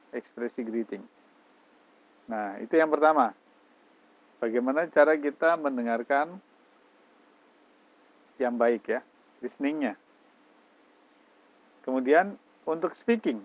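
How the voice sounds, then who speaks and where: A man's voice: a little high, muffled recording. A man teaching English, explaining step by step and mixing English phrases into his lecture. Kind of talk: classroom lecture.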